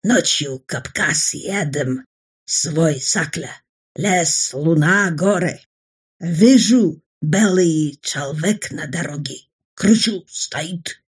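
A woman's voice: sits low, takes it slowly, slightly rough, heavily acted. A woman voicing a fearless, jovial adult mountaineer who speaks in broken phrases. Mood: swaggering. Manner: broken speech, bold and jovial. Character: boisterous adult male mountaineer, barber, fearless.

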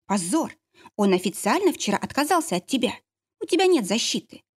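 Stern werewolf mother, accusing and shouting, high and animated, acted by a woman reader. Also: a little fast, slightly rough. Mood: cold. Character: stern outraged werewolf mother disowning her daughter.

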